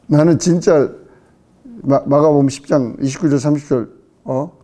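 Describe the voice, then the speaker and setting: Speaking at a normal pace in a slightly high voice, a middle-aged male pastor gives a relaxed Bible-study sermon. He dramatizes questions, bursting out loudly without warning, and drops in English words here and there.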